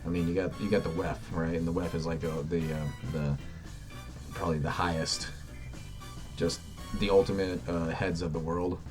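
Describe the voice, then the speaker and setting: A young man co-hosting a podcast in casual political chat, animated and swearing, mocking others in put-on voices. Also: low voice, normal speed, music in the background. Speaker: podcast co-host.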